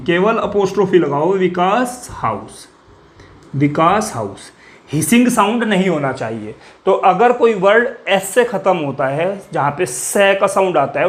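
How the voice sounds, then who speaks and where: A man teaching an English grammar lesson. He asks questions, answers them himself, repeats key words, and drops his voice on the answers. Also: sits high. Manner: repetitive, quizzing students with questions he answers himself. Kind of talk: classroom grammar lecture.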